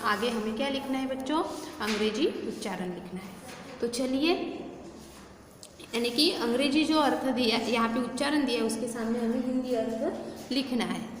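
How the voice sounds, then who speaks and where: Indian lady teacher, high voice, says every word twice real slow for little kids, echoey room. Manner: repeats each word slowly, speaking to children. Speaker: schoolteacher. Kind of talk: classroom lesson for young children. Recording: echoey room with faint background noise.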